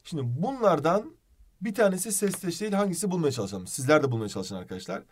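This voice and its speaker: A man teaching a video lesson, playful and animated, asking questions as he explains. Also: a little high, fast, slight background noise.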